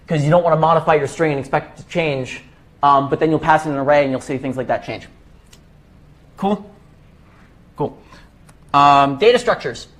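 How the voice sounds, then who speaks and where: Young man, high-pitched voice, classroom instructor, casual, lots of um and self-corrections. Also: a bit bright. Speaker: workshop instructor. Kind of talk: live coding lecture.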